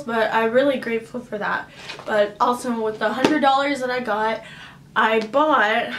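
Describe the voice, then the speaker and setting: A woman's voice: fairly high pitch, a little hiss or hum. Chatty young woman in an echoey room. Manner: chatty, upbeat, many "like" and "um" fillers. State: has a cough drop in her mouth. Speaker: vlogger. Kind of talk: casual haul chat. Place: at home, indoors.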